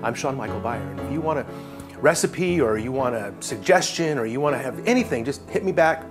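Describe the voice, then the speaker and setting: Young man, casual cooking host, jokey and relaxed, faint music and sizzling pan behind. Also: medium pitch, a little fast. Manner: laid-back, jokey, talks while cooking.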